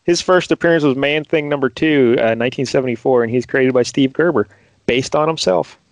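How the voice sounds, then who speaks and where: A man co-hosting a casual podcast chat, laid-back and quick to laugh. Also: mid-range voice, no room sound. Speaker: podcast co-host.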